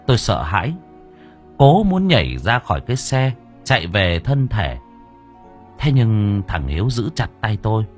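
A man narrating a horror story in an audiobook with expressive, dramatic delivery. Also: lowish voice, a little slow, soft background music.

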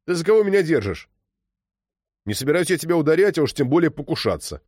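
A man voicing a gruff, short-tempered adult businessman who talks bluntly. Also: on the high side, very animated, quick pace, a little mellow, dry recording, studio quality, pitched above the performer's own voice. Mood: exasperated.

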